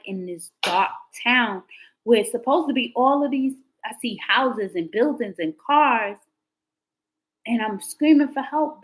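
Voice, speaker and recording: This is a tarot livestream led by a woman who talks to viewers in a relaxed, rambling storytelling way, her pitch shooting up when she's thrilled. Sound quality is poor.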